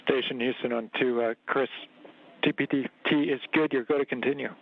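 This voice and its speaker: A man speaking over a space-to-ground radio loop as a mission control ground controller, in brisk procedural radio talk. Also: medium pitch, steady tone, gravelly. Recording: tinny phone-like radio line.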